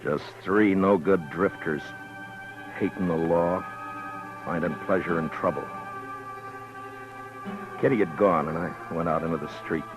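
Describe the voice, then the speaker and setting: An actor playing a stern, restrained frontier marshal who also narrates, in a 1950s radio drama. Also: male voice, low voice, music in the background, rough recording. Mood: narrating. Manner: calm, measured narration.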